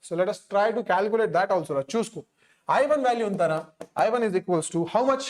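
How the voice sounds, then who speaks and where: Very fast-talking Telugu-accented male physics teacher. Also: sits high, lively intonation. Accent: Telugu Indian. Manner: repeats phrases, keeps prompting students with questions. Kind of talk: exam-coaching lesson, working through sums aloud.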